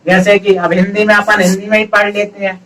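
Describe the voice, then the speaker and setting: A man's voice: high voice, little pitch movement, brisk, bright, forceful tone, recorded from a distance, slight background noise, low-quality recording. A man teaching a grammar lesson step by step, asking his students questions and then answering them himself. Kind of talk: classroom-style lesson.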